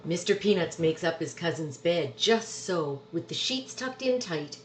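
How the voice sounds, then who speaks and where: A woman with a fairly low-pitched voice reads a children's picture book aloud, animated and expressive, drawing out words for emphasis. The background is noisy.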